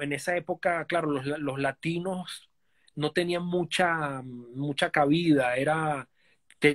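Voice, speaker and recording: Calling in from his living room, a fortysomething Venezuelan guest chats casually on a live-stream interview. He has a higher voice with a fairly bright tone, and his speech is loose, dotted with fillers and frequent restarts.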